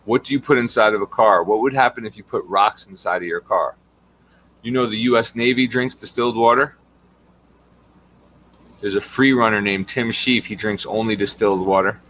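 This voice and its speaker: A man's voice: lowish voice, normal speed, fairly bright tone, a little hiss or hum, poor audio. A man, a health coach giving an impassioned monologue full of emphatic rhetorical questions.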